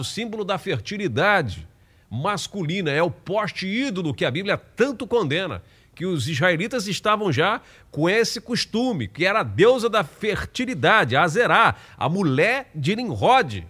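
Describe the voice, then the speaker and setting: A man's voice: high voice, very animated, measured pace, sharp tone, husky. Fervent Carioca preacher man. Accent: Carioca Brazilian Portuguese. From Rio de Janeiro, Brazil. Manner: fervent and emphatic, with frequent restarts. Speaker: evangelical preacher and channel host. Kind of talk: informal preaching monologue.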